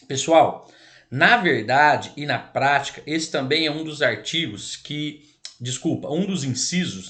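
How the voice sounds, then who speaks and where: A man's voice: fairly high pitch, pushed and bright. Brazilian man teaching law, scratchy throat. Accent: Brazilian Portuguese. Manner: explanatory, repeats and corrects himself, addresses "pessoal". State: scratchy, irritated throat, clearing it. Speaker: lecturer on child protection law. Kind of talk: online legal lesson.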